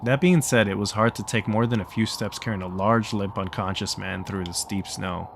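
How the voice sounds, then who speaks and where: A man's voice: on the low side, steady tone, normal speed, creaky, a little hiss or hum. A man reading a visual novel's text aloud for a let's play, narrating plainly and stopping now and then to joke and laugh. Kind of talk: reading game text aloud with casual asides.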